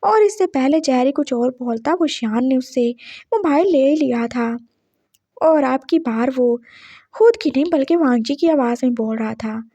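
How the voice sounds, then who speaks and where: A woman's voice: high voice, unhurried, dark tone, no room sound. A woman telling a serialized story in Hindi, narrating and reading the characters' lines herself. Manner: reads dialogue of several characters herself.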